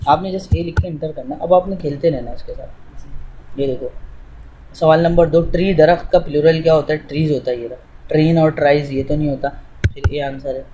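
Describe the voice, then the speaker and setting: A man's voice: a little high, fairly even intonation, brisk, mellow, a little hiss or hum, rough recording. A man teaching English, explaining step by step in an informal way to a student while demonstrating on screen.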